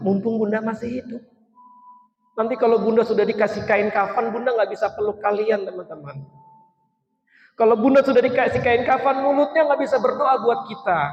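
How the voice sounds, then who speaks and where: A man, a children's storyteller and preacher, giving an earnest, emotional religious talk and coaxing children to act. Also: very high voice. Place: large echoing mosque hall. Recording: echoey hall, muffled sound, faint background noise.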